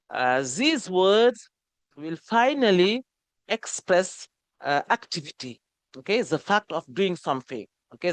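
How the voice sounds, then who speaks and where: A woman teaching an English grammar lesson, who repeats each word slowly and keeps saying okay. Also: sits low, dry recording.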